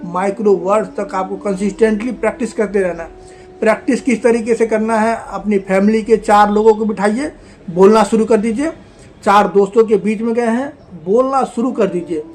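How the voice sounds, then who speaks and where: A man's voice: high voice, steady tone, normal speed, darkish tone. A man giving a motivational lesson on communication, talking emphatically, repeating his points and calling his viewers friends. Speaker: communication skills coach.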